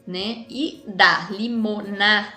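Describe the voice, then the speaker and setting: A Brazilian woman teaches children in a relaxed, chatty way, ending her points with quick tag questions. Her voice sounds roomy and echoey, with soft music playing underneath. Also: medium pitch. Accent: Brazilian Portuguese. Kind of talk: casual classroom explanation. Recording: echoey room with faint music.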